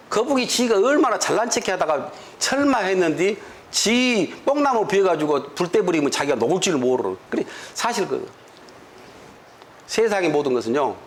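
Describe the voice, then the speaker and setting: A man's voice: on the high side, a little hiss or hum. A man giving a motivational lecture to business distributors, telling stories and asking the room rhetorical questions, sometimes acting out quarrels in dialect. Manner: animated storytelling with rhetorical questions; acts out dialect quarrels in quoted voices.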